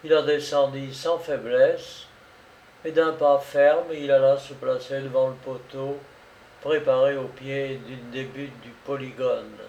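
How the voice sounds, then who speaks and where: A man narrating a classic story in a measured, dramatic reading style. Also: medium pitch, flat delivery, darkish tone. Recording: roomy, distant mic, faint noise.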